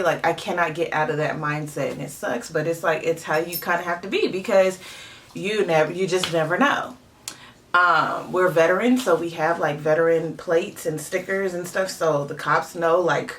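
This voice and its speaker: A woman chatting casually in a review vlog, animated and opinionated, with lots of filler asides. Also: on the low side, distant mic. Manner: chatty and animated, many "you know" fillers. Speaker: TV show reviewer.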